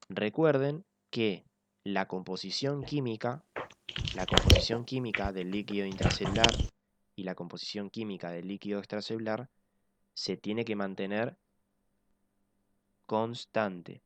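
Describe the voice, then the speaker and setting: A man teaching physiology in an online class, explaining step by step and slowing down to repeat key points. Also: on the low side, slight background noise. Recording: dull lo-fi dry sound.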